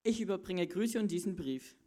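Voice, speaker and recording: A woman's voice: on the low side, expressive, moderate pace, warm tone, close to an everyday voice. A woman playing a polite butler-like male servant. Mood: courteous. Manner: formal, courteous butler-like address. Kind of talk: church children's Bible play.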